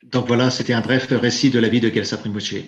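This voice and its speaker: A man's voice: mid-range voice, fairly even intonation. Hesitant male interpreter in a roomy space. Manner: halting and self-correcting, searching for words. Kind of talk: live interpretation of a Buddhist teaching. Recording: roomy, dull lo-fi sound.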